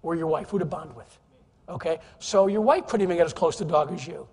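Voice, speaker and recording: A man giving an animated, joking keynote talk to a live audience in a conference hall, teasing the crowd as he goes. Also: fairly high pitch, quick pace, slightly rough. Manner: animated, jokey, teases the audience. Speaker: keynote speaker. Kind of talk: energetic, humorous business presentation.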